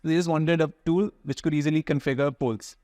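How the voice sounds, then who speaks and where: A man's voice: on the high side, fairly even intonation, fairly quick, a little mellow, dry recording. A young man from India with an educated Indian accent, giving informal, explanatory answers as an interview guest.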